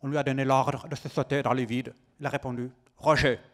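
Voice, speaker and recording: A deaf man with an American English accent in his French, presenting to an audience with slow, careful, halting articulation. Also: medium pitch, little pitch movement. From California, United States. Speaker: start-up presenter.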